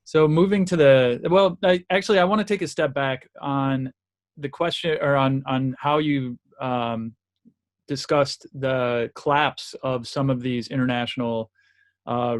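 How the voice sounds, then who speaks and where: A man's voice: mid-range voice, steady tone, normal speed. A man interviewing a guest for a podcast, asking long, thoughtful questions with restarts. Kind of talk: casual interview talk.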